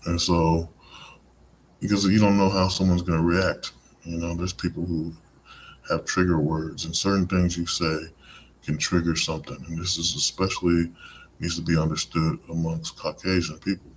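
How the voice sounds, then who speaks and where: A man's voice: low-pitched, little pitch movement, normal speed, a little hiss or hum. A man hosting a live-streamed podcast, talking in a rambling, conversational monologue full of "you know" asides. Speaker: podcast host.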